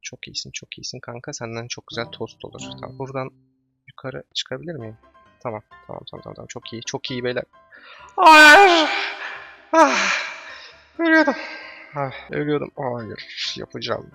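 A male gaming host with a gravelly, bright, edgy voice who keeps up a running let's play commentary, muttering the same words to himself over and over and now and then breaking into loud yells and curses. The sound is dull and lo-fi, with faint music underneath. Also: mid-range voice, little pitch movement, brisk. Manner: coaches himself, repeating words under his breath; sudden yelling and cursing outbursts.

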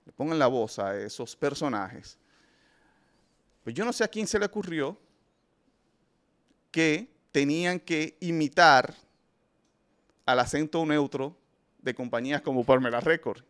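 A man's voice: on the high side, lively intonation, unhurried, long pauses, a bit bright. A man hosting a film review show, giving opinionated casual commentary and speaking emphatically to his listeners, often restarting his sentences. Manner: emphatic, addresses listeners directly, frequent restarts.

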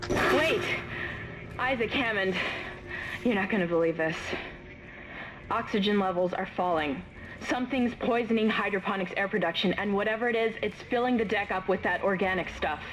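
Worried tech woman in a space game, urgent report over comms, mid pitch. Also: moderate pace, a bit bright, poor audio. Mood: alarmed. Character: alarmed female spaceship computer specialist. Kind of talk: video game voice acting.

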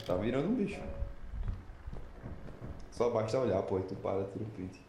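A man's voice: lowish voice, lively intonation, normal speed. A man joking and teasing his friends while playing a co-op game. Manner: joking, teasing, says bicho a lot. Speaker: gamer. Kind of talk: casual co-op gaming chat. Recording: loud background noise.

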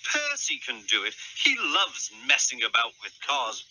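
A man's voice: medium pitch, wildly swooping pitch, measured pace, bright, forceful tone, no echo, full character voice, poor audio. A man voicing a vain, lazy female diesel railcar in a storybook tale, haughty and fussy. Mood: indignant.

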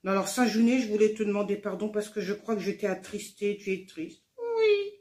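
A woman hosting a children's puppet show, speaking gently and directly to the children. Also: mid-range voice, steady tone, fast talker. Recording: roomy echo.

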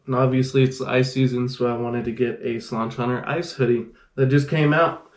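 A man's voice: medium pitch, steady tone, brisk. Laid-back man in an echoey gear room. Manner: laid-back, rambling, says "freaking" a lot. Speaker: fishing channel host. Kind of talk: casual unboxing vlog. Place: small indoor gear room.

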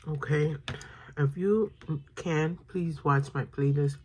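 A woman's voice: low-pitched, slow pace, darkish tone, slight background noise. A woman chewing food as she talks casually between bites in an eating vlog. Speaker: mukbang vlogger.

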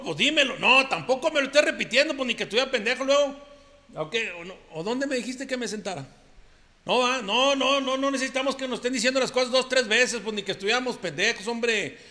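A man's voice: extremely high pitch, bright, forceful tone, in a large hall, voice pushed up, heavily acted. A Mexican man playing a boastful, henpecked macho ranchero who rambles through defensive denials. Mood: blustering. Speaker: comedian.

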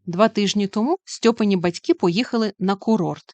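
A woman reads a storybook aloud with lively, expressive storytelling. Her voice sits at a middle pitch for a woman. The sound is dry and close, with no room echo. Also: moderate pace. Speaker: audiobook reader. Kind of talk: storybook narration.

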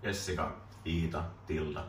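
A man's voice: extremely low pitch, fairly even intonation, a bit bright. A man in his twenties hosting a casual joking interview, laughing often and reading questions off a phone in a small room. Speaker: host asking questions. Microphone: camera mic from a distance. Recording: roomy distant camera audio, faint hiss.

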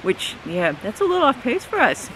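A man's voice: very high voice, huge pitch swings, brisk, sharp tone, low-quality recording. A middle-aged man casually recapping a hard hiking day at an outdoor campsite, talking around a candy in his mouth. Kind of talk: casual chat. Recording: outdoor hiss and stream noise.

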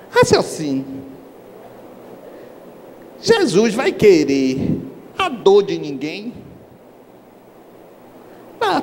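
A middle-aged man giving a spiritual lecture on a stage, telling stories and acting out the people in them. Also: very high voice. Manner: lively storyteller, acts out characters. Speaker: spiritist speaker. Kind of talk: lecture with acted anecdotes. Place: large hall on a stage. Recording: echoey hall, faint background hiss.

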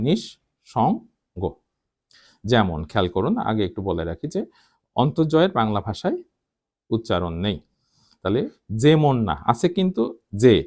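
A male teacher giving a spoken pronunciation lesson, breaking words into syllables with deliberate care. His voice sits at a middle pitch but moves up and down in a lively, animated way as he explains. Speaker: Bengali language teacher.

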